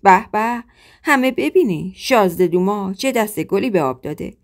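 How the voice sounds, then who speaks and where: A woman's voice: on the low side, lively intonation. A woman voicing a cruel, domineering young man, the son of a village khan, who talks in a threatening, sneering way. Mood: gloating.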